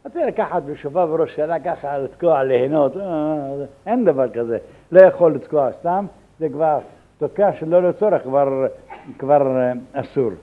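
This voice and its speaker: An older rabbi gives a lesson on religious law, his voice on the high side for a man. He speaks haltingly, restarting and repeating words. The recording is narrow and tinny, like an old phone line. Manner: halting, repeats words, acts out quoted dialogue.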